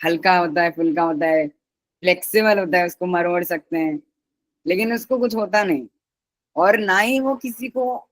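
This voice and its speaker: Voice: medium pitch, moderate pace, no echo, low-quality recording. A teacher giving a patient live online class who repeats each key word and its synonyms and mixes in English words.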